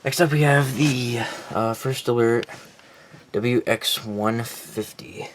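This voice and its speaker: A man with a medium-pitched voice speaks slowly during an informal showcase of his weather radios. He rambles, corrects himself and talks bluntly, with clear background noise in the recording.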